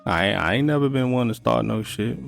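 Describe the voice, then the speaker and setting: This podcast co-host is a man in his thirties with a mid-range, expressive voice, brisk pace and vocal fry. He chats casually in a laid-back way, telling stories and handing out blunt, profane life advice. Soft music plays in the background.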